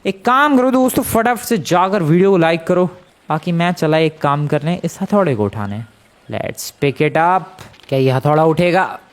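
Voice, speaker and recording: A man giving casual game commentary, excitable and exclaiming, talking to his viewers as friends. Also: on the high side, unhurried. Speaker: gameplay commentator.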